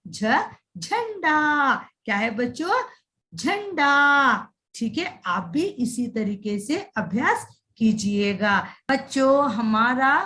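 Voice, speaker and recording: A woman's voice: high voice, a bit bright. A woman teaching young children in a recorded lesson voice-over, drawing out words in a sing-song way and repeating them.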